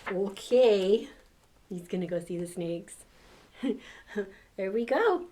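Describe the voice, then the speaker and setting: Grandmotherly storyteller with slow, animated delivery. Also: medium pitch. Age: older. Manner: grandmotherly, coaxing, encouraging. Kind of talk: read-aloud children's story with playful asides.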